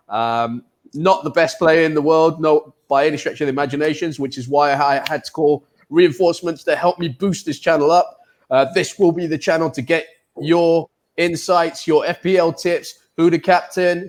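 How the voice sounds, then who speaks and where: A man from the UK, hosting a casual online football chat show in a chatty, upbeat way with many fillers. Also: on the high side. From United Kingdom. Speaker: host and football pundit.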